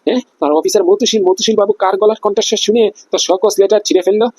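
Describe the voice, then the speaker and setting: A man playing a menacing cartoon crime boss, gravelly, husky, quick-fire delivery, dry sound. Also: high-pitched, little pitch movement, darkish tone, dry recording. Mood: interrogating. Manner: threatening, boastful. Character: menacing male crime boss, older brother.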